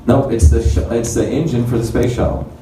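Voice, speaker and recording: Speaking fairly quickly in a mellow, steady, mid-pitched voice, the Indian man in his fifties delivers a conversational, explanatory slide lecture at a conference. The room is roomy and he is far from the mic, with slight noise in the background.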